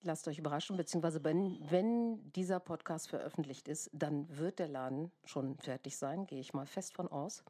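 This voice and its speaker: A woman's voice: sits low, normal speed, few pauses, dark tone. A woman with a congested, snotty voice from a lingering cold, chatting casually as a podcast host.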